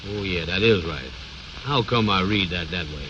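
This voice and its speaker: A man's voice: deep voice, moderate pace, close to an everyday voice. An actor playing a bossy, self-important man who blusters in folksy ungrammatical speech, in old radio comedy style. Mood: self-assured. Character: pompous, bossy, know-it-all man bluffing his friend. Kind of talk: 1930s-40s radio comedy acting. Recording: muffled, noisy old radio recording.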